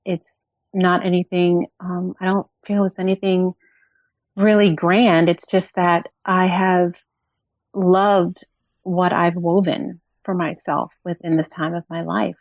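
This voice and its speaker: A woman in her forties, a podcast guest, talking in a thoughtful, soft-spoken and personal way. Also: lowish voice, flat delivery, slow, no echo. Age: 40s. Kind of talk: reflective conversational storytelling. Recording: dull dry lo-fi audio.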